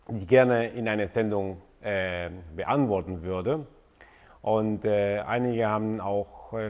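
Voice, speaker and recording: A man's voice: fairly low pitch, a little mellow, long reverb tail. A man in his forties from Argentina, speaking, answers viewer questions about his company with lots of fillers and restarts. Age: 40s. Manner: hesitant, many fillers and restarts. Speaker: company founder and channel host. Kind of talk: casual Q&A to camera.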